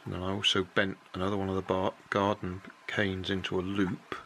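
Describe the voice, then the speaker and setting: A man's voice: sits low, monotone, brisk, a bit bright, a little hiss or hum. An older man casually walking through a hobby build at a kitchen table, explaining each step plainly and unhurriedly, correcting himself as he goes.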